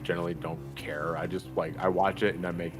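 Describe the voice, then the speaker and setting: A man's voice: sits low, little pitch movement, fast, music in the background. A man rambling and swearing in casual chat on a gaming stream. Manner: rambling, swears, laughs a lot.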